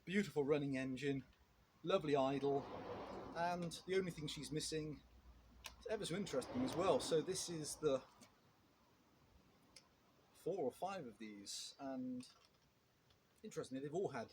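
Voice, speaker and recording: A man's voice: on the high side, moderate pace, pauses often, noisy background. Man chatting about his chainsaw. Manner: relaxed, rambling with fillers and restarts. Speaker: chainsaw vlogger. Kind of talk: casual product review.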